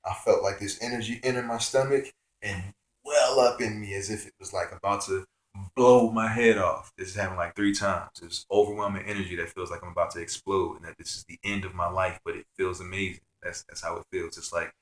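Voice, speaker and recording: A man's voice: low-pitched, fairly even intonation, a little fast, reverberant. A man telling a personal spiritual story in an earnest, rambling way, with many fillers. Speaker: spiritual vlogger.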